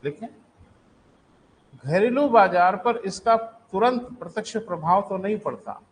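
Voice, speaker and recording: A man teaching economics to a live class, quizzing and scolding students and dictating notes slowly. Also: high voice, lively intonation, low-quality recording.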